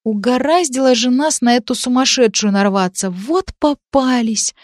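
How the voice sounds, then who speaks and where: Woman reading anxious young woman friend, bit higher voice, fretting, storybook. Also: moderate pace, dry recording, studio quality, close to an everyday voice. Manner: nervous, fretting.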